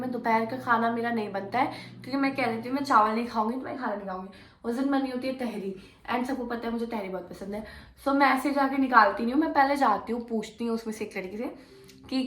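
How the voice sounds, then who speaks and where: A young woman with a slightly high voice tells a personal story in a casual vlog. She is animated and acts out the arguments she quotes. The room around her is echoey and reflective. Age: young adult. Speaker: vlogger.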